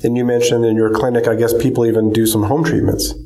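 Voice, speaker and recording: A man's voice: medium pitch, flat delivery, fast, dark tone, reverberant, rough recording. A man from Arizona hosting a podcast interview, asking questions conversationally with brief affirmations. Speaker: podcast host.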